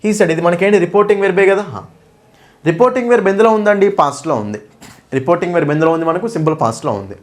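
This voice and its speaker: A man teaches an exam-prep lesson, slightly high-pitched and speaking at a rapid clip. He breaks each point down step by step and keeps pausing to ask his students questions. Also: lively intonation. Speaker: English teacher.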